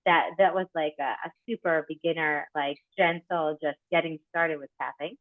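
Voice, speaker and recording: A woman's voice: sits low, normal speed. Woman coach on a tinny call line. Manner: animated, encouraging, asks reflective questions. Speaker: host and coach of an online community group. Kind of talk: coaching talk in a group call. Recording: tinny phone-like video call audio.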